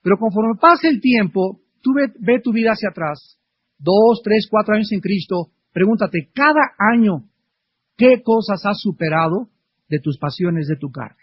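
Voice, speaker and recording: A middle-aged male preacher delivering a fervent sermon full of rhetorical questions, swinging between loud and soft. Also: high voice, animated, measured pace, a little hiss or hum. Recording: dull lo-fi archive recording.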